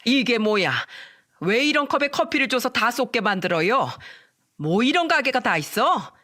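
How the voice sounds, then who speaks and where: A woman voicing an arrogant, contemptuous middle-aged future mother-in-law who belittles and yells, in a narrated story. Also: on the high side, expressive, moderate pace, voice pushed up. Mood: indignant. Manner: scornful, yelling, belittling.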